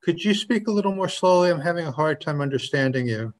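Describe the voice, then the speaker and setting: Man, presiding officer, polite, firm, slightly high voice. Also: lively intonation, fast. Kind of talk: chairing a public hearing.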